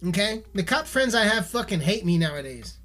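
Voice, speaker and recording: A man's voice: high-pitched, sing-song, a little fast, a bit bright. A man giving a heated, profanity-filled video rant, swearing constantly and repeating himself, with faint music behind him. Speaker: musician ranting on camera.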